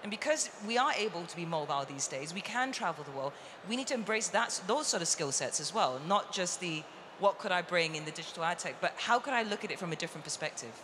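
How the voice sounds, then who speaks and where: A woman's voice: on the low side, lively intonation, fast. A woman from the UK, speaking earnestly as a conference panelist. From United Kingdom. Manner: earnest, reflective, draws on personal experience. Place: large conference hall stage. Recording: reverberant hall with faint noise.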